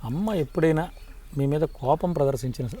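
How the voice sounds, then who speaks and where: A man interviewing a guest, putting his questions in formal, measured phrasing. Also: a little high, warm tone, slightly rough. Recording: distant mic with faint background noise.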